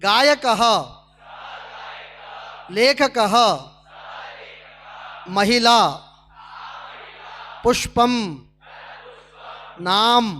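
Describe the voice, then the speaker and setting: A man's voice: extremely high pitch, drawn-out words, pauses often, sharp tone, some chatter behind, slight background noise. A man teaching a Sanskrit class at a speaking camp, drilling students with questions.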